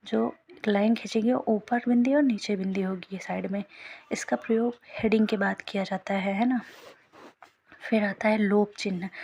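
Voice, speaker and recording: A woman's voice: medium pitch, a little mellow, slightly rough. A young woman teaching a Hindi grammar lesson, patient and often half-whispering, checking in with her students as she goes. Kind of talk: explaining a lesson.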